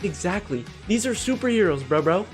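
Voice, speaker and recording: A young man with a high voice and fairly quick delivery ranks things in a gaming video, offering opinionated, joking commentary. He's animated and mildly profane, with faint music in the background.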